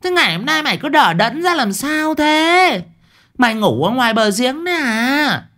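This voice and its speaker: A man voicing a shrill, nagging middle-aged village wife in a ghost story. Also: big pitch swings, moderate pace, fairly bright tone. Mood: scolding.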